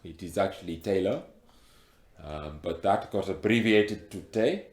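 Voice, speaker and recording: A man putting on a very heavy African accent, talking haltingly with many fillers and restarts. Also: low-pitched, a little mellow, reverberant. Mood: playful. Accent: African (put on).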